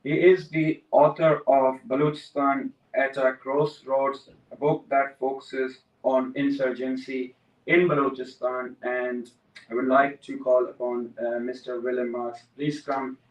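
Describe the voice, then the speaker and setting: A man moderates a conference in a level, monotone voice, reading out a speaker's introduction like a list. He sounds distant from the mic in a reverberant hall. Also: medium pitch, measured pace, highs cut off. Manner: reads a list at an even pace.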